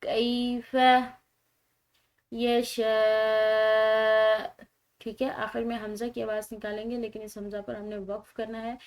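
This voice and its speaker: Patient woman teaching Quran recitation. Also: medium pitch. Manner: explains rules patiently, then recites slowly and loudly. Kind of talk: tajweed lesson with slow drawn-out recitation.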